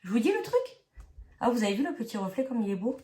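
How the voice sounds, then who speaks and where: A young woman chatting through a home craft vlog in a playful, self-mocking way. Her voice sits a little high but has a soft, mellow tone. She jokes freely with her viewers. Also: sing-song, quick pace, reverberant, distant mic. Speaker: craft vlogger. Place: home bathroom workspace.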